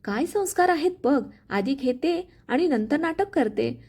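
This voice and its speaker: A woman's voice: high-pitched, lively intonation, a little slow, a little mellow. A woman voicing a spiteful, scheming young sister-in-law in a spoken family story, with a sneering, taunting manner.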